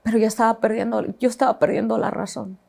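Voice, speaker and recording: A woman telling her own painful story as a personal testimony, halting and reflective, with restarts and pauses. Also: a little high, fairly even intonation, vocal fry, warm tone.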